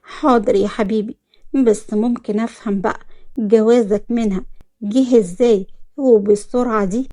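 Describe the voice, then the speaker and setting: A woman's voice: a little high, steady tone, normal speed, dark tone, lightly acted. Woman voicing a scheming jealous Egyptian girlfriend.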